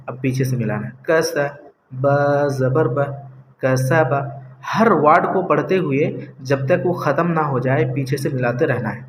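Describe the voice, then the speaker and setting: A man teaching Quran reading, sounding out syllables slowly and patiently repeating the rules. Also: a little high. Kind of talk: slow step-by-step lesson. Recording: echoey room with faint hiss.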